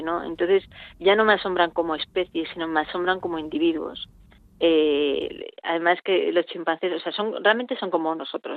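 Heard over a tinny phone connection with no echo, a woman from Spain gives interview answers in a fairly low voice. She's a chimpanzee sanctuary vet, speaking thoughtfully and groping for the right words.

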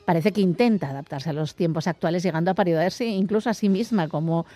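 A woman radio presenter, reading a measured, informative scripted segment. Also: fairly low pitch, mellow, faint music behind. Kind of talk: scripted narration.

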